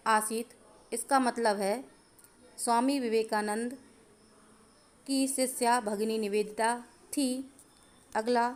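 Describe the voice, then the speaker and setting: A woman teacher going through Sanskrit grammar answers, dictating them slowly and methodically. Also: on the high side. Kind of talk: explaining a grammar lesson.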